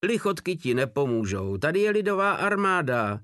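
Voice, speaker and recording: A man voicing a mocking male partisan who shouts insults over a radio in an audiobook war story. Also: a little high, big pitch swings, dry recording, clean studio sound, pitched above the performer's own voice. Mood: taunting.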